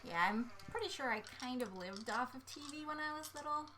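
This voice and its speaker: A woman's voice: sits high, lively intonation, fairly quick, background noise. A woman co-hosting a casual board game stream, thinking aloud with playful muttering and little vocal sound effects. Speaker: co-host of a board game play-along stream. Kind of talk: casual chat while playing a board game.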